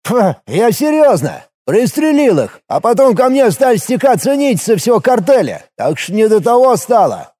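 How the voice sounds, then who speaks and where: A man's voice: very high-pitched, big pitch swings, normal speed, few pauses, warm tone, pitched above the performer's own voice, full character voice. A man voicing a nasal, boastful thug who brags and cackles in an audiobook. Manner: cackling, bragging, cheeky. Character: nasal boastful male thug trader, giggly. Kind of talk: audiobook character voice.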